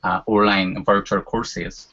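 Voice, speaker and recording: On a dull lo-fi recording, a man in his forties, Korean by first language, chats as a guest and leans on "you know" and similar fillers. His low voice is flat and slow, pushed and bright, with a breathy edge.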